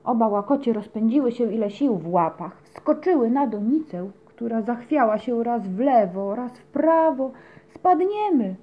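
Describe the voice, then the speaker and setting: A woman narrating a children's story with a gentle, expressive reading. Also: on the high side, normal speed, hardly any pauses. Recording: dull lo-fi recording.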